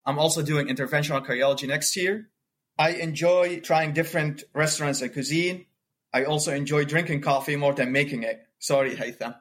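A man's voice: fairly high pitch, brisk, fairly bright tone. A man from Syria, a cardiology fellow, introducing himself as a podcast guest in a friendly, lightly joking way. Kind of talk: prepared self-introduction.

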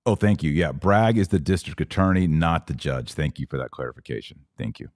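Speaking quite quickly in an extremely low, darkish voice, this American podcast host reads out viewer comments and replies to them in an offhand, conversational way. The sound is clean studio audio without any room tone.

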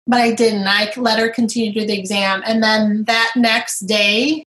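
A woman's voice: a little high, moderate pace, rough recording. A middle-aged woman, a guest on an interview, speaking candidly and earnestly about her own experiences. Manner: earnest, retelling scenes with lively quoted voices. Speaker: guest sharing her recovery story. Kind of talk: candid personal storytelling.

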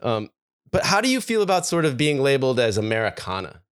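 A man's voice: medium pitch, big pitch swings, quick pace, clean tone, no echo, clean studio sound. A man hosting a music podcast interview, asking questions hesitantly with many restarts. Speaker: podcast host.

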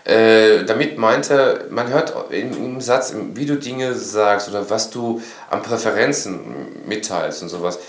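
A man in casual conversation, talking in an animated, rambling way and often tagging his sentences with a questioning "ne". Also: fairly low pitch, a little slow, hardly any pauses. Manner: animated, rambling, frequent tag "ne?". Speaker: course instructor. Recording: echoey room.

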